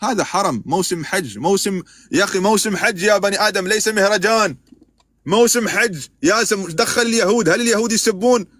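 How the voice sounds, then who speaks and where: Speaking in Emirati Arabic, this male live-stream host argues with his callers, cutting them off and scolding them with obvious exasperation. The recording is dry, and his high voice moves fairly quickly with a fairly bright tone.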